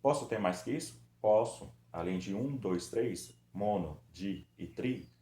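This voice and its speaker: Patient male teacher, low, echoey room. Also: animated, mellow. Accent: Brazilian Portuguese. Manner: patient, drawn-out syllable-by-syllable demonstration. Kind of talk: recorded review lesson for children. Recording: echoey room with faint background noise.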